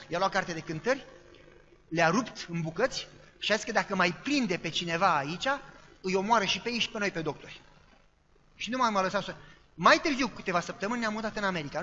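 A male preacher tells a sermon story and acts out what people said and the noises they made. His voice sits high and sounds bright. The recording is dull, and a long hall reverb trails after his words. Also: lively intonation. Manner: dramatic storyteller acting out quoted voices and sound effects.

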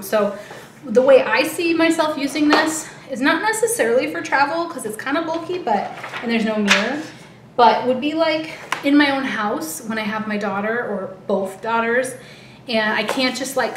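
Heavily pregnant and slightly winded, a thirtysomething American woman speaks to camera in casual beauty-vlog style from her living room. Her voice is medium in pitch. Recorded by a camera a short way off, the sound has a roomy echo with some light background noise.

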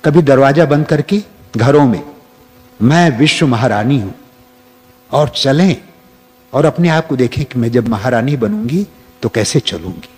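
A man giving a spiritual discourse as a teacher, speaking deliberately with long pauses. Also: medium pitch, lively intonation, darkish tone.

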